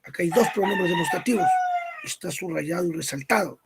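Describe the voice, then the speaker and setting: A man's voice: high voice, wildly swooping pitch, brisk, vocal fry, very noisy. A man teaching a grammar lesson, who asks questions, answers them himself and repeats word lists.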